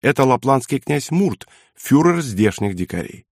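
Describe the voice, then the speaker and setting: A man's voice: mid-range voice, sing-song, moderate pace, darkish tone, dry recording, studio quality. A man voicing a plump, languid German hotel landlady with a drawling, sing-song manner.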